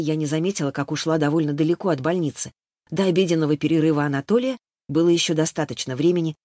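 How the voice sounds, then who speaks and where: A woman's voice: low-pitched, darkish tone, dry recording, studio quality. Woman narrating in first person. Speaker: audiobook narrator.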